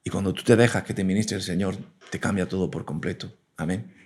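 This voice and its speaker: Earnest male preacher, low voice, sermon with frequent amens. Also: a little fast. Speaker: preacher and teacher.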